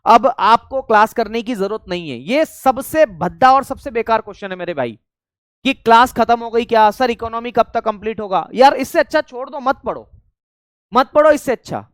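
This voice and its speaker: A male teacher runs an online exam-prep class, going over key phrases again and again so they stick. He keeps turning to his students with chatty asides. His voice is smooth and resonant, and the recording sounds dry and close. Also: very high voice, expressive, a bit bright, no room sound. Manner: repeats key phrases slowly to drill them in; addresses students directly and often, chatty asides.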